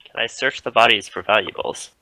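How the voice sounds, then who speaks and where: A man playing a tabletop game, matter-of-fact and quick. His voice is rather low but very bright and sharp, and it sounds dry and close. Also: dry recording, poor audio. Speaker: player. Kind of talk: casual tabletop role-play chat.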